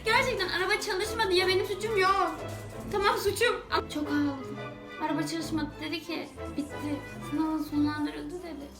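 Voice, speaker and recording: A young woman with a high, bright-sounding voice tells a funny personal story straight to camera. She exclaims and laughs as she goes. Her voice rings in an echoey room, with music playing clearly underneath. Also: normal speed. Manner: animated, exclaiming, laughing between lines. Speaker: vlogger.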